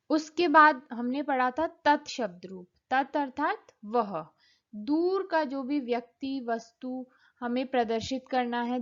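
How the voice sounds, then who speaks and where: A woman walks students through a Sanskrit lesson at a very slow, deliberate pace, spelling words out sound by sound. Her voice sits a little high. The recording is dull and lo-fi. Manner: spells words out letter by letter, gives Hindi and English meanings. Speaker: Sanskrit teacher. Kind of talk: slow, explanatory classroom lesson.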